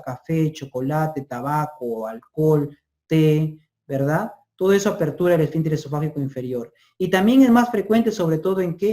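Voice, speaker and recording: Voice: mid-range voice, dark tone. A medical exam-prep lecturer who repeats key terms and keeps checking in with listeners. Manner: drills terms by repeating them, tags lines with 'ya?' and 'ojo'. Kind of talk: recorded lecture.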